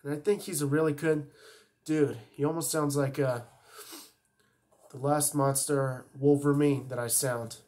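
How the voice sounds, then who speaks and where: A man's voice: a little high, little pitch movement, measured pace, a little mellow. A man chatting casually and enthusiastically as he introduces his voice impressions. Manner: enthusiastic fan talk. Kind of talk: casual chat between impressions.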